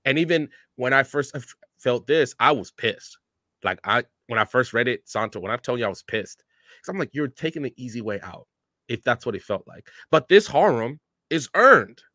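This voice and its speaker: A man's voice: mid-range voice, moderate pace, dry recording, studio quality. A man co-hosting a casual anime review chat, talking emphatically with many restarts and "like"s. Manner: emphatic and animated, lots of restarts and "like". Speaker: co-host.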